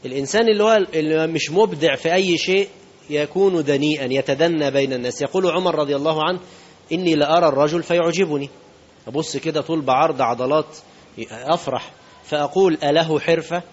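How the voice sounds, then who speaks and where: A man's voice: on the high side, fast, highs cut off. A man preaching a sermon in Egyptian Arabic, speaking conversationally and asking his listeners rhetorical questions. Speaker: sheikh.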